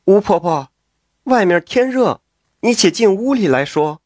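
A man voicing a frightened, tearful young woman who stammers and pleads in a raised falsetto. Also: expressive, a little slow, a little mellow, no echo. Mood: coaxing.

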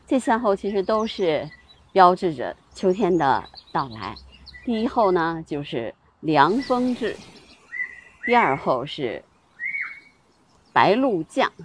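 A woman hosting a relaxed talk on seasonal customs, chatty, with many fillers and small laughs. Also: fairly low pitch, slight background noise. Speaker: host.

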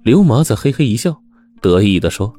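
A man telling a dramatic story in an expressive way, acting out the dialogue. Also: on the low side, brisk, faint music behind.

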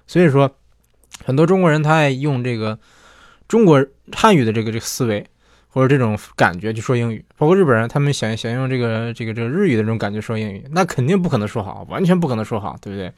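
A male host answers listener questions in a chatty, casual way, often rephrasing himself and asking "对不对" to check that you agree. His mid-range voice is lively, fast and a little mellow. The recording is dry and studio quality.

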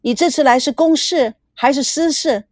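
A woman voicing a young woman TV host who questions her father in a brisk, earnest way. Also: high voice, dry recording, studio quality, pitched above the performer's own voice, close to an everyday voice.

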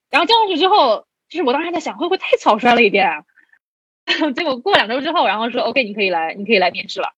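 Fairly high and husky, her voice comes through on a dry recording. She's a twenty-something podcast guest, lively and casual, voicing each person in her story and laughing as she goes.

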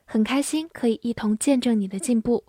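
A woman teaching English vocabulary, saying each word twice and then giving its part of speech and meanings in a measured, lesson-style delivery. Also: on the high side, mellow, slightly rough, no echo, clean studio sound. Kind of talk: slow vocabulary review lesson.

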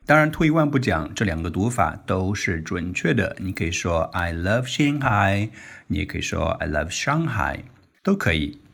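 A man with a very low voice hosts a relaxed pronunciation lesson. He chats along easily and laughs now and then. He slows right down whenever he demonstrates how a word sounds. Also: creaky, breathy edge. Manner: chatty, laughs often, slows down to demonstrate words. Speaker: pronunciation teacher, podcast host. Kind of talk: casual teaching podcast.

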